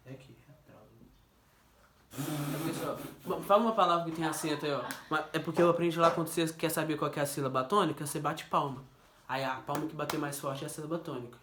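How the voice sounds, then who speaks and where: A man's voice: fairly high pitch, noisy background. A male teacher runs a casual physics review, tossing questions at a student and stretching out key words. He sits back from the mic in a roomy, echoing space. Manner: jokey, questioning, drawn-out stressed words. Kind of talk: informal classroom review. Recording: echoey room, distant mic.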